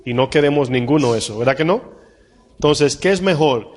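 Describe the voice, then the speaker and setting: Male pastor preaching, keeps asking the congregation questions, slightly high voice, long church hall echo. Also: lively intonation, darkish tone. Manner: asks the congregation questions, reads scripture slowly. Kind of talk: sermon.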